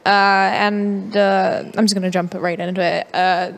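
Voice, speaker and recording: A young teenage actress speaks a little slowly with a flat, gravelly, medium-pitched delivery, interpreting for her director and answering interviewers while hesitating and filling gaps with fillers. Hall reverb colors the handheld-mic audio from the big hall of a festival press area.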